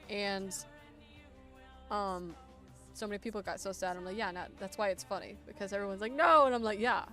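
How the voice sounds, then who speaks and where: A woman's voice: mid-range voice, fairly bright tone. A woman in her twenties, a bit congested, chatting casually and playfully while answering viewer questions on a livestream from a home desk mic. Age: 20s. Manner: chatty, playful, self-mocking. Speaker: artist streaming a Q&A. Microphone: desktop mic.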